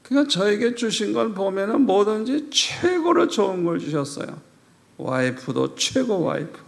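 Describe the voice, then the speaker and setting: An older male pastor delivers a revival sermon in a gravelly voice. He tells his stories with animation and acts out the prayers and dialogue he quotes. His pitch sits a little high for a man. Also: big pitch swings, moderate pace.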